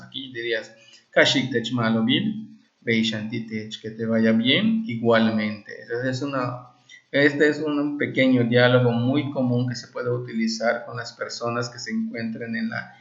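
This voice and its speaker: With a medium-pitched, slightly bright voice, a man from Valladolid, Yucatán, Mexico teaches Maya informally. He takes examples and their translations step by step, regularly slipping in brief check-in questions. Dull, lo-fi sound carries obvious room echo.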